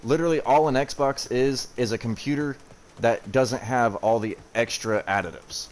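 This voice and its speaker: A man's voice: medium pitch, normal speed, a little hiss or hum. A man streaming a video game, chatting casually with profane banter. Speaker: gaming streamer. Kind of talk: casual gameplay chat.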